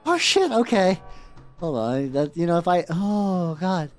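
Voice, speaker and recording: A woman giving excitable, sweary live commentary as she streams a game. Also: fairly low pitch, a little slow, soft background music.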